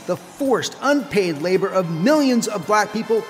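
Man as a very high, reverberant boxing announcer. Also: lively intonation, normal speed. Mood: indignant, booming. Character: indignant boxing announcer arguing the case for reparations. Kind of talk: mock boxing-ring announcement. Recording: long hall reverb under music.

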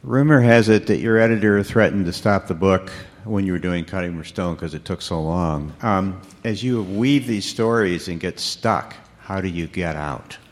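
Audience guy, really deep voice, casual question, echoey hall. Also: normal speed, hardly any pauses. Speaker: audience member. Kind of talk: asking a question.

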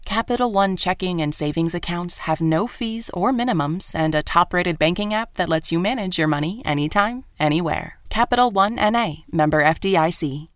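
A woman reads a scripted sponsor message in a lowish voice, steady and composed. The recording is clean and dry. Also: moderate pace, hardly any pauses, no echo. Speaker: sponsor announcer. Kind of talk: scripted ad read.

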